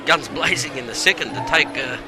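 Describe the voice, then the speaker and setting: A man co-commentating on a fight, offering casual, halting analysis. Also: fairly high pitch.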